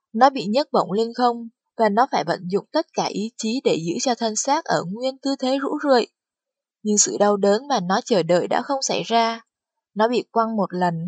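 A woman narrating an audiobook with steady storytelling delivery. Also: fairly high pitch, husky, dry recording. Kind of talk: scripted narration.

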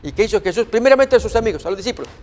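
Male preacher, high voice, teaching from scripture with rhetorical questions, long hall reverb. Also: lively intonation, rapid-fire, darkish tone. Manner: reads scripture aloud and asks the listeners rhetorical questions. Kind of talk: sermon-style Bible teaching.

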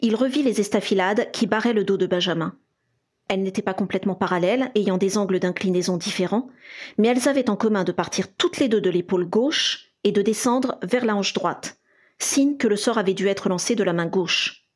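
Woman reading an audiobook, husky voice, middle pitch, steady storytelling. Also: fairly quick. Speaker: audiobook reader. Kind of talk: fan fiction audiobook narration.

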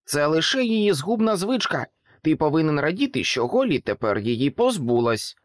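A man's voice: fairly high pitch, sing-song, normal speed, no room sound, clean studio sound, pitched above the performer's own voice. A man putting on a bossy toy pig. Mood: urgent. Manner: urgent, commanding shouts. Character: brave bossy toy pig, small, urgent.

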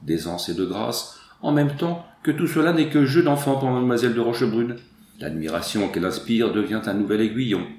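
A man narrating a classic novel as an audiobook, in a measured, expressive reading. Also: mid-range voice, reverberant. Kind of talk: scripted literary narration.

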